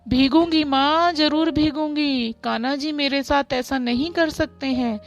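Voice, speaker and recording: A woman voicing a lively, stubborn teenage girl in a spoken story, talking in an eager, pleading way. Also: sits high, measured pace, lo-fi sound, faint music behind. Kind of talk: storybook voice acting.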